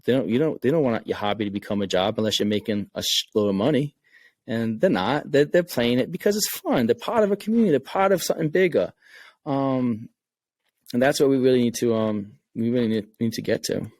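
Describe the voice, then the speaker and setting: Speaking fairly quickly in a mid-range, slightly mellow voice, this Rhode Island man chats on a podcast about making games, earnest yet casual, repeating words as he works through his thoughts.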